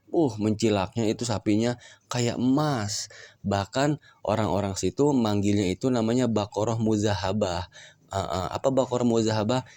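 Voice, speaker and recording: A man's voice: fairly low pitch, darkish tone, no room sound, clean studio sound. A man, telling a religious story casually and acting out the dialogue in raised voices.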